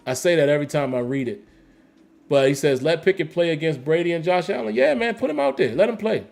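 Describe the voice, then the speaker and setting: A man's voice: fairly high pitch, expressive, quick pace, vocal fry, darkish tone. A man hosting a casual livestream, reading chat comments aloud and answering them emphatically with slangy repetition. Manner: emphatic, repeats phrases, slangy. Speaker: host reading live chat.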